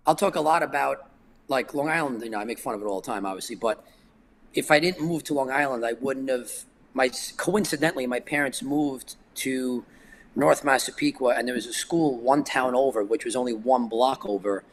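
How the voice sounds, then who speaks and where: A man's voice: mid-range voice, brisk. Brief: thirties New man, loose rambling guest talk, mid-range voice, faint background hum. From New York. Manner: rambling, many "like" fillers. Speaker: podcast guest, skateboarder. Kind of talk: casual chat.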